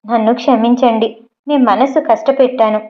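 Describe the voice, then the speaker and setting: A woman's voice: a little high, steady tone, moderate pace, muffled recording, natural voice. A woman voicing a remorseful young wife in an audio story, speaking in a pleading, broken way.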